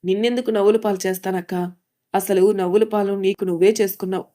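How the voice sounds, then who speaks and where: A woman reading a blunt, sharp-tongued young woman. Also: medium pitch, flat delivery, quick pace, natural voice. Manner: blunt, lecturing.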